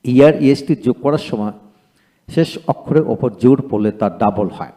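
Man slowly drilling grammar word forms. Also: mid-range voice, mellow. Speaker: English grammar teacher. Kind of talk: video lecture.

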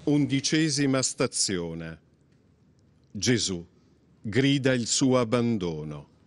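A man announcing the stations and reading the Gospel in a calm, deliberate way. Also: mid-range voice. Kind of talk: solemn scripture reading.

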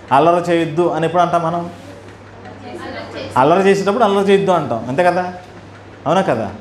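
A man's voice: a little high, slight background noise. Telugu man preaching in an echoey church. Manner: asks the listeners rhetorical questions and repeats key phrases. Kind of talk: sermon.

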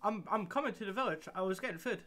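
A man in casual gaming chat, swearing now and then and restarting his phrases in a halting way. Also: high voice, sharp tone, slight background noise. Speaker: gamer playing Minecraft with a friend.

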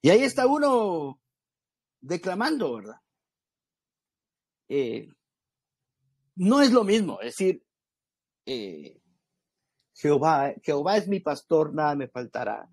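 A man teaching a church ministry class in a loose, chatty way, often restarting his sentences. His voice sits a little high and sounds husky. The recording is close and dry, with no room echo. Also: big pitch swings, slow, long pauses, darkish tone. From Guatemala. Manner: conversational, addresses listeners as brothers, many restarts and asides. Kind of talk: informal Bible class lecture.

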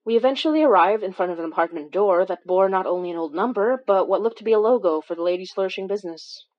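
An actress, the lead narrator of an audio drama, plays a tired, wry young woman confessing strange and eerie happenings in first person, much like a horror fiction podcast. She talks fast in a natural, mid-range voice, halting and conversational, and the audio sounds dull.

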